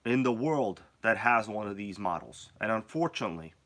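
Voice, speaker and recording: A man with a cold hosts a casual live stream, his voice worn down but still bright and forceful. Fairly low in pitch and animated, he jokes around and greets viewers by name at a moderate pace.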